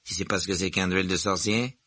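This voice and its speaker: A man's voice: sits low, steady tone, brisk, bright, forceful tone, dry recording. A man voicing a sneering schoolboy bully who taunts.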